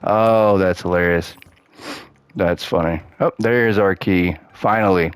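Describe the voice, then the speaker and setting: He speaks slowly in a deep, steady, clean voice with no echo, commenting casually on his gameplay for his channel. Upbeat and chatty, he thinks aloud while playing, though his voice is worn and cracking as he loses it.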